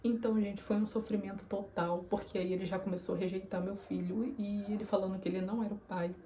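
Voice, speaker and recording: A woman's voice: medium pitch, fairly even intonation, fast, dark tone, slight background noise. A young woman vlogger telling a personal story to camera in an earnest, confiding way. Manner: earnest, confiding, acts out remembered dialogue.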